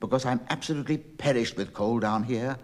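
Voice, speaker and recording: A man's voice: medium pitch, a little fast, close to an everyday voice. Man putting on a bellowing young farmer. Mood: pleading. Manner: loud, bellowing, then pleading. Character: rowdy young male farmer yelling up to a window.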